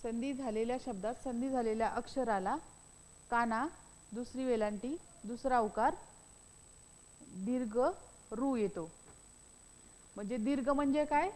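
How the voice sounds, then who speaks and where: A woman's voice: on the high side, measured pace, pauses often, darkish tone, in a large hall, rough recording. A woman teaching a grammar lesson, repeating each point and asking questions that she answers herself. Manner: repetitive, asks and answers own questions.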